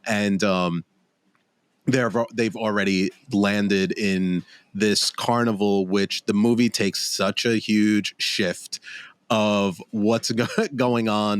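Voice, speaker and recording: Man, podcast co-host, casual film review, low pitch, rambling, dry sound. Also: clear, resonant tone, dry recording. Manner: rambling, restarts often, animated quotes.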